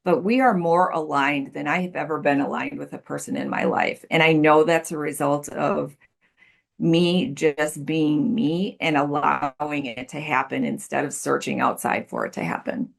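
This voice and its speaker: She's a life coach in her sixties, answering a podcast interview thoughtfully by video call and repeating words as she gropes for them in earnest. Her voice is low with vocal fry, a steady tone and a moderate pace.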